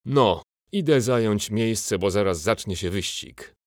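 A hulking former gladiator from a storybook, played by a man. He booms slowly and loudly, with a gruff, mocking edge and lively swings of pitch. The sound is dry and close. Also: no room sound. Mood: booming hearty. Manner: booming, mocking.

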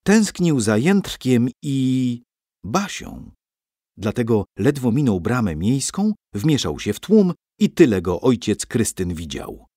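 Mężczyzna czytający opowieść, barwnie i ekspresyjnie. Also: male voice, mid-range voice, slow pace, no echo, clean studio sound. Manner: lively, expressive storytelling. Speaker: audiobook narrator. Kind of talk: scripted story narration.

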